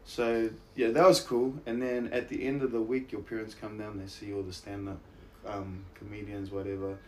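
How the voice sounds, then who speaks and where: Low-voiced man with a broad Kiwi accent. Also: flat delivery, normal speed, darkish tone, rough recording. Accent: broad New Zealand. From New Zealand. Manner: laid-back, slangy, self-deprecating. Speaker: interview guest, actor and musician. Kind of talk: casual chat, anecdotes.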